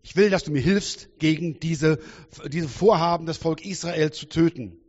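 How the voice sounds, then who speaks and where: A man's voice: on the high side, moderate pace, lightly acted. A man voicing Queen Esther, a brave young woman pleading urgently with the king for help. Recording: dull sound with long hall reverb.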